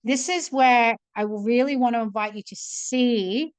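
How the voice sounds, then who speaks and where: An animated woman in her thirties shares a personal story as a coach, her slightly high voice tumbling through fillers and restarts. She is recorded on a close mic that leaves the sound dry, with no room behind her. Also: unhurried, clean tone, dry recording. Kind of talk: casual storytelling talk.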